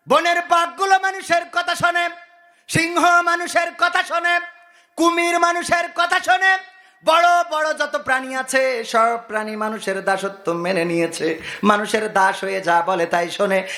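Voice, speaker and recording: A man, delivering a loud, sing-song waz sermon full of rhetorical questions. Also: extremely high pitch. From Bangladesh. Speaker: Islamic preacher.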